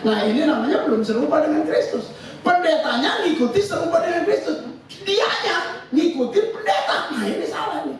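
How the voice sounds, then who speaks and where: A male preacher, giving a lively sermon full of laughter and acted-out quotes in slang. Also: extremely high pitch, normal speed, few pauses. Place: church hall. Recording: echoey hall from far off, noisy.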